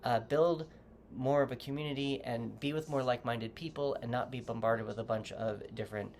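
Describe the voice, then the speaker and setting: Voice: mid-range voice, steady tone, brisk, a little hiss or hum. A tarot reader giving a casual reading to camera, loose and rambling, often correcting themself while advising the viewer directly. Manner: gently advising, speaking straight to the viewer.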